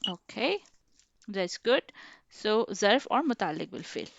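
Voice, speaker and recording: A woman's voice: medium pitch, big pitch swings, measured pace, vocal fry, no room sound. A woman teaching grammar on a video call, patiently quizzing her students with guiding questions. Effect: video call audio. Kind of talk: online class, quizzing students. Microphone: computer mic on a video call. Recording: dull lo-fi video call audio.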